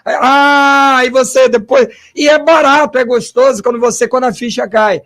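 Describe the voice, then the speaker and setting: High, gravelly-voiced man hosting. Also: a little fast. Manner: animated, thinks aloud with restarts and rhetorical asides. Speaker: host and historian. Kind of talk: conversational interview questions.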